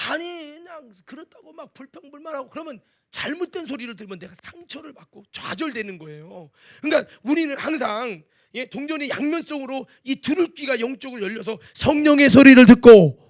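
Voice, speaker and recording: A male pastor giving a sermon, swinging between loud exclaiming and quiet musing, sometimes singing lines of a hymn. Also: very high voice. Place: church sanctuary.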